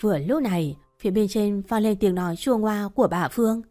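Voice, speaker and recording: A woman narrating a dramatic family story in a steady, even storytelling manner. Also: mid-range voice, fairly quick. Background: faint music.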